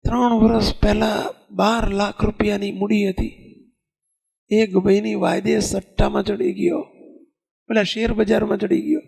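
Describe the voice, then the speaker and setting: A man's voice: high-pitched, a little slow, gravelly, long pauses, husky. A man with a Gujarati accent preaching a sermon, telling stories and putting questions to his listeners. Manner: animated storytelling, rhetorical questions to listeners.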